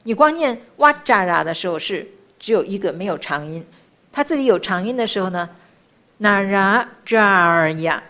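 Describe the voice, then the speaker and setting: A woman teaching the pronunciation of Buddhist chants, patiently chanting each syllable slowly between short explanations. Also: mid-range voice, very animated, a bit bright.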